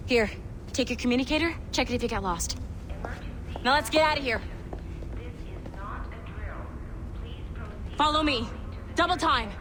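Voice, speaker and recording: An actress playing a brisk, sardonic young tech contractor who swears, in a video game. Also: female voice, sits high, expressive, crowd noise.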